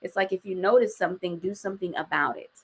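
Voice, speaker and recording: A woman's voice: on the low side, quick pace, breathy edge. A woman in her forties, a guest talking casually and outspokenly, with slang and some swearing. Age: 40s. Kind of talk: casual interview chat.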